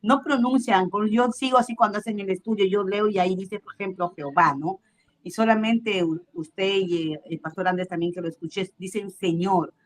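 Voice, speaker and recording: Female congregant, Peruvian accent, polite and halting questions, average voice. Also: mid-range voice. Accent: Peruvian Spanish. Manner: hesitant, polite, with many "¿no?" tags. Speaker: church member asking questions.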